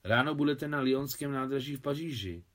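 A man's voice: medium pitch, fairly bright tone, pitched above the performer's own voice, lightly acted. A man reading an audiobook, voicing a sardonic taxi driver who talks earnestly and at length, with a wry edge. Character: sardonic French taxi driver, former resistance.

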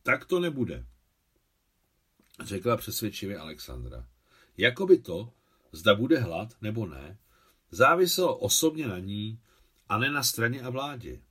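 Man reading a novel, lively intonation. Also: on the low side, husky. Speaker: translator reading his own translation. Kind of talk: literary audiobook reading.

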